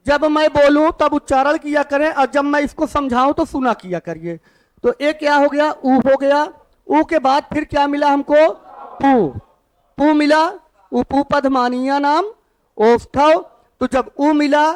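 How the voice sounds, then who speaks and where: Man, Sanskrit teacher, very high voice, asks the class questions and answers them. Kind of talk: classroom lesson.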